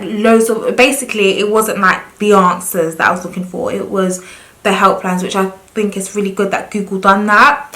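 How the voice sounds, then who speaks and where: A woman's voice: medium pitch, a bit bright, low-quality recording. A young woman talking candidly and earnestly to camera in a personal confessional vlog. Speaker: vlogger.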